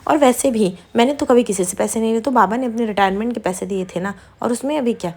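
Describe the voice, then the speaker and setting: A woman's voice: fairly high pitch, fast talker, a little mellow. A woman voicing a sly, defensive young husband from a TV serial.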